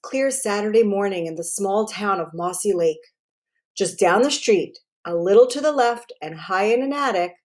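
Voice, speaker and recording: Young listeners hear a woman storyteller narrate a children's book, her pitch medium. She reads with expression and deliberate care, keeping every phrase clear.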